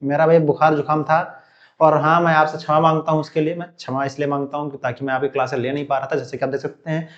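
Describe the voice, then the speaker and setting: Man, teacher, exam-prep lesson, recovering from a cold, quick delivery, dull lo-fi audio. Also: on the high side, flat delivery. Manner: talks directly to students, calls them "beta", lots of "theek hai" fillers. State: recovering from a cold, still coughing.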